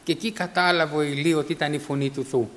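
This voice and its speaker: High, bright-voiced male preacher. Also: steady tone. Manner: emphatic, repeats key phrases, acts out the voices in stories. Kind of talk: sermon. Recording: echoey hall.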